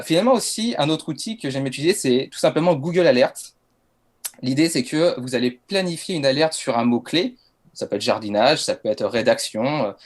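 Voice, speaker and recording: A French man presenting a masterclass on writing social media posts, casual and hesitant with frequent fillers. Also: mid-range voice. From France. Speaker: LinkedIn content coach.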